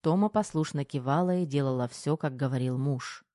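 An audiobook narrator with a mellow, warm tone reads a novel evenly and without hurry. The voice sits close and dry, with no room around it. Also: medium pitch, a little fast, dry recording. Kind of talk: scripted narration.

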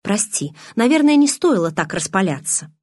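A woman reading the lines of a calm, quietly mocking young male vampire in an audiobook. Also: mid-range voice, moderate pace, no room sound, studio quality.

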